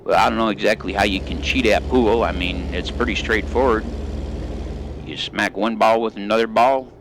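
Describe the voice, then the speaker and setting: Middle-aged guy spinning folksy stories while driving in a game, low-ish voice, engine droning loud. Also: fairly even intonation, normal speed, background noise. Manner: folksy, rambling drawl with country grammar. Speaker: gaming channel host.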